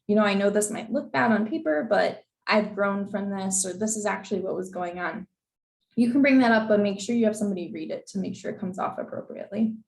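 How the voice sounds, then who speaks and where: Speaking in a medium-pitched, gravelly voice, a young woman whose voice is giving out presents a chatty, filler-heavy info session built around slides. The room is echoey and the audio is poor.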